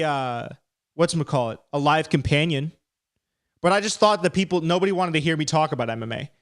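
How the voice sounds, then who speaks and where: A talkative man hosts a casual live stream with a slightly high voice. He rambles and pokes fun at himself as he breaks down upcoming fights. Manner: chatty, rambling, self-deprecating.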